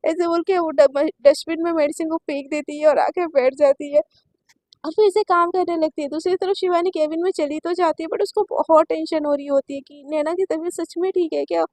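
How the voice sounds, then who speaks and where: A woman's voice: extremely high pitch, fairly even intonation, fairly quick, darkish tone, no room sound. A woman narrating a romance story in a chatty, casual storytelling manner with many fillers. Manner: chatty, filler-heavy retelling.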